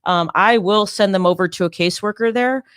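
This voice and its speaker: A woman's voice: mid-range voice, a little fast, smooth, no echo, clean studio sound. A woman, co-hosting an insurance talk show in an upbeat, explanatory manner. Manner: upbeat, explanatory, many "mm-hmm"s. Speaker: co-host, insurance agent. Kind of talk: casual chat.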